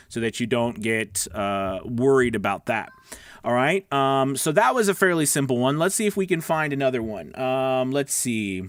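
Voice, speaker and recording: A man speaks at medium pitch with a slightly bright tone, recorded dry and close to the mic. He's a voice-over coach and show host giving a casual, chatty tutorial with demo script reads, explaining things emphatically and reassuringly.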